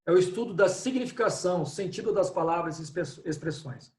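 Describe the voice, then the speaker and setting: A man's voice: high-pitched, lively intonation, brisk, a little mellow. A man teaching an online Portuguese class who explains step by step and often checks in with his students. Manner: explanatory, repeats "né?" and "pessoal". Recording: echoey room, distant from mic.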